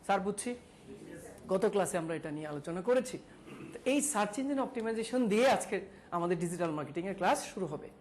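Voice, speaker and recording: A woman's voice: medium pitch, animated, fast talker, darkish tone. A woman teaching a digital marketing class, questioning students one by one and repeating key terms. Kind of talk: classroom lecture.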